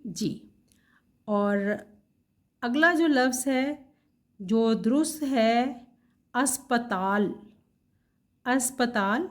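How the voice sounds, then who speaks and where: Woman carefully teaching pronunciation. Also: on the high side. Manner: slow, careful spelling out of words letter by letter; self-correcting, casual asides. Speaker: Urdu language teacher. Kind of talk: vlog lesson on correct pronunciation.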